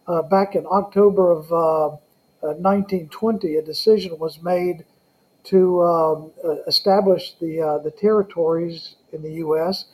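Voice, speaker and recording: A man from the American South with a Southern accent, answering interview questions conversationally as a guest, with frequent halting hesitations. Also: a little high, steady tone, low-quality recording. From Southern United States. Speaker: guest, Salvation Army colonel.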